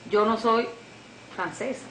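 A middle-aged woman from the Dominican Republic with a Dominican accent, a piano and French teacher answering interview questions, often pausing to search for words. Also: a little high, fairly bright tone. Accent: Dominican Spanish. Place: living room on a sofa. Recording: echoey room, noisy old video tape.

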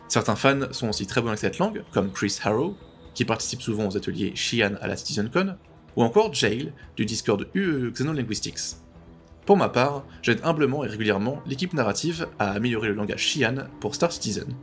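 A man narrating a language tutorial, patiently explaining and slowly repeating pronunciations. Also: mid-range voice, lively intonation, soft background music. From French-speaking.

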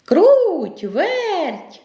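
Woman doing a bright high cartoon rooster. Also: huge pitch swings, takes it slowly, full character voice. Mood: calling cheerfully. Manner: high calling sing-song voice. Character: hardworking cheerful male rooster. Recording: echoey room.

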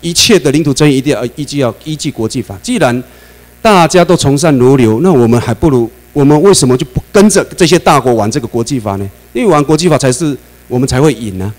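A man with a Taiwanese Mandarin accent giving a classroom lecture, animated, often asking the class questions and laughing. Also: medium pitch, fast, poor audio. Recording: mains hum under the voice.

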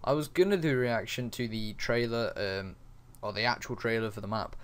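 A young man chatting casually as a gaming YouTuber, halting and thinking aloud. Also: medium pitch, clean tone. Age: young adult. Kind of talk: casual reaction video chat. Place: small dim bedroom, indoors.

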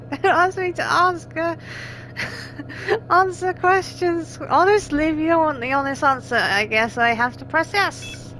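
A woman's voice: fairly high pitch, sharp tone, a little hiss or hum, rough recording. A young woman doing casual let's play commentary, chatty and giggly, yelping at scares.

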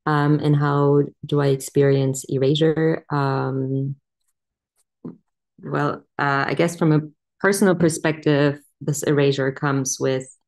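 Very low-voiced woman on a video call. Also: fairly even intonation, slow, darkish tone. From Germany. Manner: hesitant, many ums, thoughtful. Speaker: panelist. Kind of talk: panel discussion on video call. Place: home room indoors.

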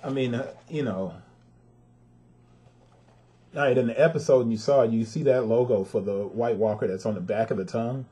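A man at a middle pitch runs through a casual sneaker review in a warm, dark-toned voice. He talks straight to his viewers, emphatic and plainly frustrated, and often lands on blunt verdicts. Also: moderate pace, pauses often. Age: adult with a son.

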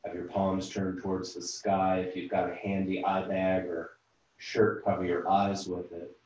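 A low-voiced man leads a yoga class at an unhurried pace, cueing each breath and stretch calmly. He sits well back from the mic in a very echoey room, so his voice carries a roomy, distant quality. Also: dull audio. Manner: slow, calm step-by-step cueing of breath and movement. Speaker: yoga instructor and physical therapist. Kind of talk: guided yoga class instruction. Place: room at home, teaching over video call.

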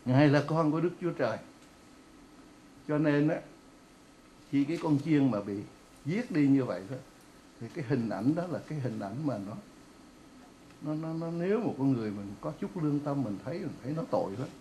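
A man's voice: medium pitch, expressive, brisk, pauses often, dark tone, a little hiss or hum, low-quality recording. A male pastor, preaching a sermon in a folksy, vivid storytelling way and often putting questions to the congregation.

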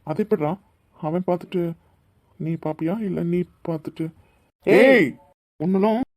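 A man voicing young men in a cartoon, talking in a rough, confrontational way. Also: on the high side, level tone, moderate pace, mellow. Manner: rough, confrontational street talk. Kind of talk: dubbed cartoon dialogue.

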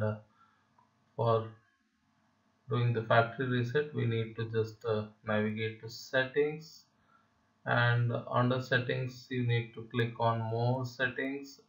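A man hosting a phone how-to video, talking through the steps with many "uh" fillers and a habitual "right?". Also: mid-range voice. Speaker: tech video host. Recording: roomy, distant, dull lo-fi sound.

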